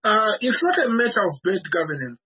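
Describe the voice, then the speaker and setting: A man comes through a remote video call, his voice high and husky. The line is dull and lo-fi and keeps cutting out. He speaks assertively but halts often on fillers. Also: wildly swooping pitch. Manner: assertive, with many halting 'uh' fillers. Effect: remote video call audio. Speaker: political party guest. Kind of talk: call-in interview answers. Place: remote, calling in from abroad. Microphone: computer call microphone.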